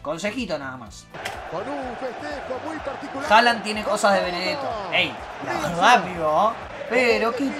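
Young man, rioplatense accent, streamer, swearing, high pitch. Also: measured pace, long pauses, over loud music. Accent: Rioplatense Spanish. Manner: excitable, swearing, shifts from loud outbursts to mutters. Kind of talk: live match reaction stream.

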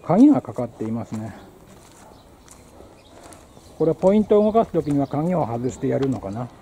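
A man's voice: mid-range voice, very animated, normal speed, mellow, breathy edge, low-quality recording. A man narrating a casual travel vlog, musing aloud as he walks around a small rural train station. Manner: muses aloud, thinking as he goes. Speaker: travel vlogger. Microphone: handheld camera mic. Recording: outdoor ambience with birds and traffic.

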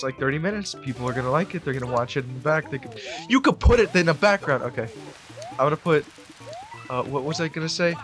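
Rambling excitable young-sounding man gaming. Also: fairly high pitch. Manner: rambling, excitable, with sudden yelps and outbursts. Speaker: gamer doing a Let's Play. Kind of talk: casual gameplay commentary.

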